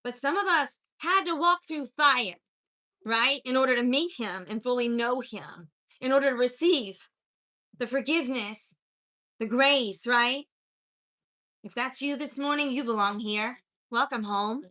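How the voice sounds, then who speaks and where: A woman's voice: on the high side, unhurried, pauses often, pushed and bright. A woman with a mixed accent from growing up in many places, hosting a spiritual coaching livestream, greeting viewers and preaching in an earnest, encouraging way. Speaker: spiritual life coach and live-stream host. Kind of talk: live-stream chat greeting viewers and preaching.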